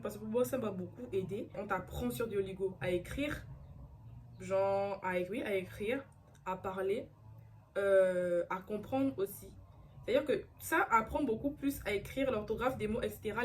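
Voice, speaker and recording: A young woman vlogging in a casual chat to camera, earnest and chatty, repeating herself and using many fillers. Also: medium pitch.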